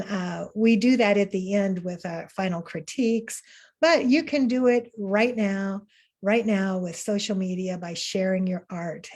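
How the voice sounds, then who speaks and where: A woman's voice: medium pitch, a little mellow. A woman teaching an online art class, talking in an upbeat, encouraging way with fillers and restarts over a video call. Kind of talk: webinar lesson.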